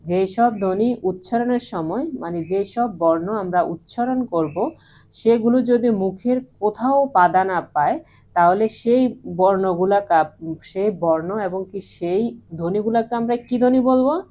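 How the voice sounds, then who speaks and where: A woman teacher giving a grammar lesson, asking the class questions and answering them herself, and saying sounds out slowly and clearly. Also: medium pitch, dark tone. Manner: slow and clear when pronouncing sounds.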